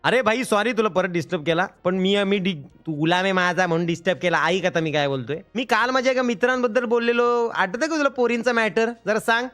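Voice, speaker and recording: A man's voice: high voice, fast, few pauses, a bit bright, soft background music. A man hosting a live stream in casual, bossy, joking banter, throwing in English words. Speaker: gaming streamer.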